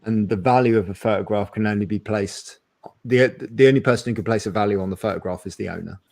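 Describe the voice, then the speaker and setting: A man's voice: on the low side, fast, vocal fry, a little mellow, no echo. A man in his thirties or forties hosting a live webinar interview, talking enthusiastically and at length with many restarts. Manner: enthusiastic, talkative, rambling with restarts. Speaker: webinar host. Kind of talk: casual conversational interview. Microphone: video call.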